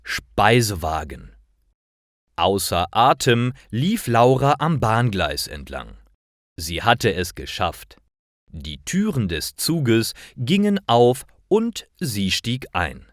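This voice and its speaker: A man with a fairly low voice narrates simple stories for language learners, reading very slowly and deliberately with lively swings in intonation. His delivery is scripted and careful throughout, and the recording is clean studio sound with no room sound.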